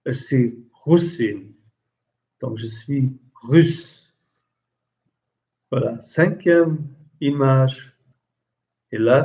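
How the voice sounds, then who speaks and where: A man teaching a language lesson, explaining slowly with many hesitations and repeating example phrases. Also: mid-range voice, darkish tone. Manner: slow, hesitant, many fillers. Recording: dull lo-fi recording.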